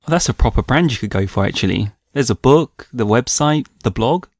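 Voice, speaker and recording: A man's voice: mid-range voice, animated, darkish tone, dry recording, studio quality. A man hosting a podcast in casual chat, easygoing, laughing often and teasing his co-host. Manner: easygoing, quick to laugh and tease.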